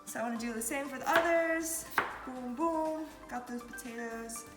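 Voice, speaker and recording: A cooking vlogger with a high-pitched voice chats casually at a moderate pace while walking through a tutorial in her home kitchen. She's loose and talkative, full of fillers, and the room is echoey with music playing in the background.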